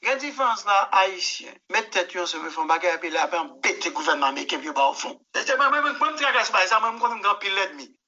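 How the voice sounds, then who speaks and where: Haitian accent guy, high voice, super bright and sharp, keeps repeating himself, kinda dull lo-fi sound. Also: lively intonation, quick pace, few pauses. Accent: Haitian Creole. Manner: emphatic, repeats words, tells anecdotes with quoted dialogue. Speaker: musician guest. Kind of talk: animated interview answers.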